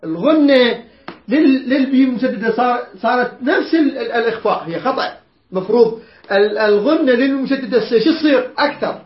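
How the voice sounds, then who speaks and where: High-voiced man teaching Quran recitation. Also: lively intonation. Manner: chants verses slowly, quizzes students. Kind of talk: tajweed lesson with recitation. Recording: roomy, dull lo-fi recording.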